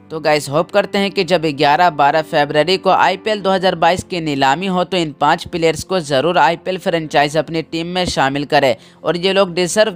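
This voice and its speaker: A man reading a scripted cricket voice-over for an online channel, speaking straight to his viewers. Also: on the high side. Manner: reads a prepared script, addresses viewers directly.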